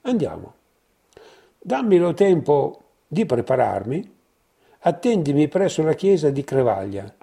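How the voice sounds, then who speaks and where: A man's voice: on the high side, sing-song, measured pace, vocal fry, mellow, slightly rough, voice pushed up, heavily acted. A man voicing a male painter friend who asks puzzled questions. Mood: questioning.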